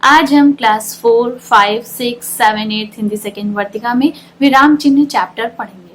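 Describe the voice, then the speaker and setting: A woman gives an online grammar lesson in a high, clear voice. She explains step by step and reads her examples out slowly and deliberately. A faint hum of room ambience sits under her voice. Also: rough recording. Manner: explains step by step, asks questions and answers them herself. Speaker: online Hindi teacher.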